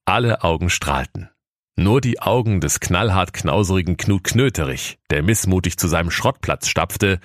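Very deep-voiced male storyteller. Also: no echo, studio quality. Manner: playful, storytelling, mock-solemn. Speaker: narrator. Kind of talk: comic scripted narration.

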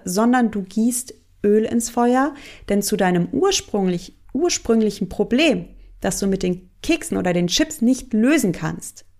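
A woman's voice: mid-range voice, gravelly, a little mellow. A woman coach giving a monologue, explaining and addressing the listener directly.

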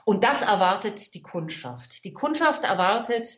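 Her mid-range voice swings widely in pitch, sounding a bit bright at normal speed. This Rhineland-born trainer and coach talks as an expert in a conversational way, stressing her views and checking in with the listener, in an echoey room.

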